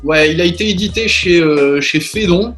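A man hosts a relaxed talk show from a video call, his voice sitting a bit high. He fills his sentences with pauses and false starts as he gathers his thoughts. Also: soft background music. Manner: hesitant, many fillers and restarts. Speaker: radio show host. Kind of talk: casual chat over video call.

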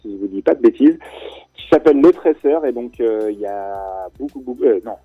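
A man's voice: mid-range voice, brisk, breathy edge, no echo, narrow, tinny audio, soft background music. A man, guest on a radio talk show, chatting casually about an event he organizes, with many fillers and restarts. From France.

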